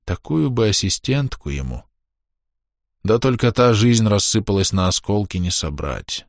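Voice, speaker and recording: Low-voiced man reading a dark tale. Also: expressive, unhurried, no echo, clean studio sound. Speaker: audiobook narrator. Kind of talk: dramatic audiobook reading.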